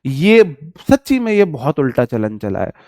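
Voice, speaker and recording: A man's voice: mid-range voice, very animated, normal speed, darkish tone, no room sound, clean studio sound. A man teaching vocabulary in a live online lesson, chatty and joking, calling his viewers brother.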